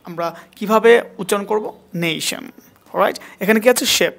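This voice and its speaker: A man's voice: high-pitched, moderate pace, vocal fry, fairly bright tone. A man teaching a spoken English class, repeating words again and again to drill pronunciation and quizzing his student.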